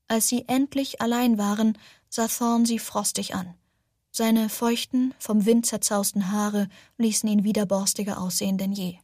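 A woman narrating a novel as an audiobook, in an even, measured delivery. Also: mid-range voice, breathy edge, dry recording, studio quality.

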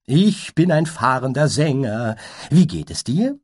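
A man doing a giddy butterfly minstrel. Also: sing-song. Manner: sing-song, high and playful, drawn-out phrases. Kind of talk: storybook reading.

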